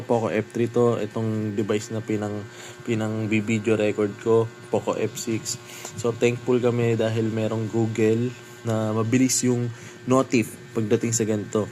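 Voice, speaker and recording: A man chatting casually to his viewers while showing a phone screen, excitable and talkative. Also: lowish voice, rough recording. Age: adult with a child. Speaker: phone reviewer vlogger.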